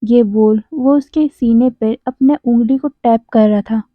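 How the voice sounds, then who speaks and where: A woman retells a fan fiction story aloud and drops chatty asides between story lines. Her voice sits high. The sound is dry and tinny, like a phone line. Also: measured pace, no room sound.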